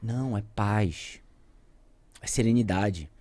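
A man with a Brazilian Portuguese accent, a podcast guest telling an emotional story with conviction, shifting from loud outbursts to near-whispers. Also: on the low side, slow pace, no echo. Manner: speaks with conviction, addresses viewers directly.

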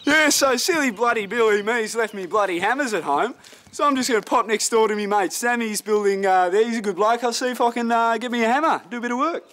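An actor with an Australian accent playing a boastful, bumbling builder in a mockumentary, rambling and swearing in a blokey way. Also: male voice, very high voice, quick pace, a bit bright. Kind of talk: mockumentary comedy.

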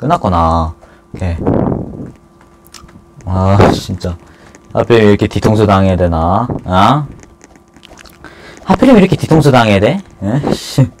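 A man giving casual commentary on an online game he is playing, swinging between loud cheers and nervous muttering. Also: on the low side, animated, measured pace, pauses often, background noise. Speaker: gaming YouTuber.

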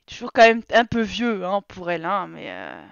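A woman's voice: on the low side, wildly swooping pitch, moderate pace, gravelly, smooth, dry recording, highs cut off. A woman streamer giving casual let's-play commentary, talking to and scolding her game characters in an exasperated way. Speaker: gaming streamer.

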